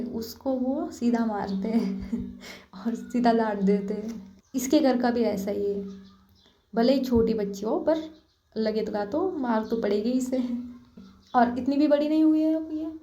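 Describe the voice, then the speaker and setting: A woman's voice: a little high, dark tone. A woman narrating a love story in a casual, chatty way, with direct asides to listeners. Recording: echoey room, dull lo-fi.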